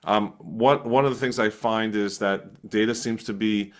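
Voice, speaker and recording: A man with a fairly low voice speaks in a webinar over a video call. He is relaxed and thoughtful, with frequent fillers as he encourages listeners. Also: moderate pace. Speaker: workshop co-presenter. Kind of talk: webinar discussion.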